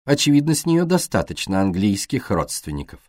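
A man voicing a pompous, smug middle-aged English gentleman in an audiobook. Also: lowish voice, big pitch swings, fairly quick, dry recording, clean studio sound.

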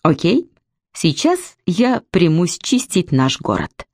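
A woman's voice: on the low side, sing-song, takes it slowly, a little mellow, no echo, clean studio sound, exaggerated voice. Earnest naive young man, as a woman reads him.

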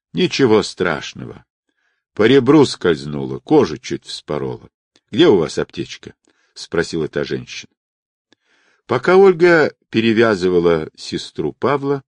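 A man reading a novel aloud as an audiobook narrator, voicing all the characters in a lively, dramatic way. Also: dry recording. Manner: lively, dramatic reading with wide swings in pitch.

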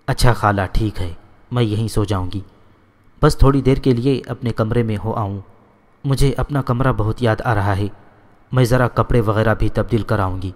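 A man reading a gentle young woman, in a low echoing voice. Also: close to an everyday voice.

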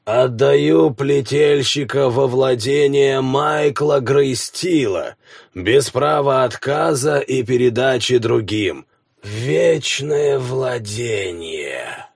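A man voicing a dying old male warlock, a village elder who speaks in slow, wheezing, strained phrases. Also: medium pitch, creaky, breathy edge, no room sound, clean studio sound, exaggerated voice. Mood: solemn, fading. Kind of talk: audiobook character voice.

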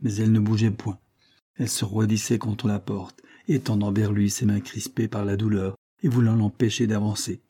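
Male audiobook narrator, dark and husky, measured dramatic reading of a classic novel. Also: fairly low pitch, little pitch movement.

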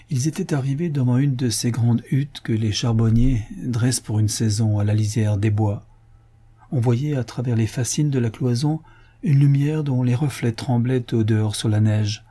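Narrator: man, husky, mellow, measured literary reading. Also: medium pitch. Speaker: audiobook narrator. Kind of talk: scripted narration.

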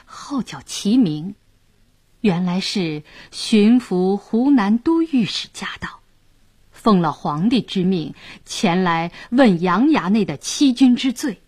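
A woman storyteller narrates a traditional tale with lively, sweeping pitch and a dramatic delivery. She takes her time, letting each phrase land. Her voice has a husky grain. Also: no room sound. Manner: expressive, dramatic, unhurried.

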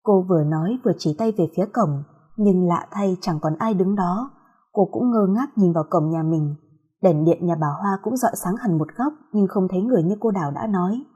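Mellow husky woman narrating horror. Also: lowish voice, fairly quick, dull audio. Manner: steady, suspenseful reading. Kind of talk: scripted horror story narration.

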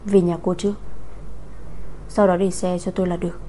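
A woman's voice: on the low side, flat delivery, moderate pace, slight background noise, natural voice. A woman reading a story aloud, voicing a reserved young rich man who speaks tersely. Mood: curt. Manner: terse, quiet.

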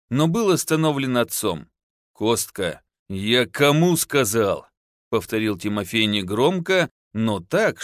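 A man narrating an audiobook with expressive storytelling. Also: mid-range voice, no echo, studio quality.

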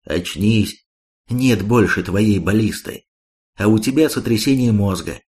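A man reading the part of a blunt, sharp-tongued male warrior in an audiobook. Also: lowish voice, a little slow, natural voice.

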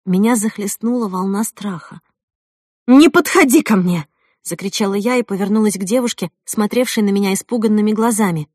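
A woman narrating a first-person audiobook in an expressive, tense storytelling manner. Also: medium pitch, fast, no echo, studio quality.

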